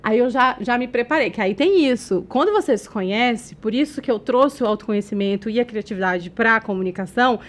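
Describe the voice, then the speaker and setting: Brazilian woman, communication-expert guest; expressive, loud-natured storyteller, slightly high voice. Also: fairly quick, hardly any pauses. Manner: expressive, animated storyteller who laughs often; says she talks loudly by habit. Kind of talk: casual interview storytelling.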